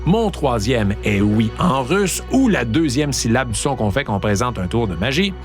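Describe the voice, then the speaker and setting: A man's voice: medium pitch, lively intonation, normal speed, music in the background. A man with a Québécois accent hosting a show, delivering a comedic monologue with playful, exaggerated punchlines. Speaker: host.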